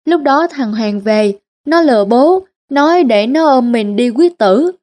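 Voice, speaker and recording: A woman's voice: sits high, expressive, measured pace, a little mellow. A woman voicing a naive, greedy young daughter in a comic story. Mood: pleading.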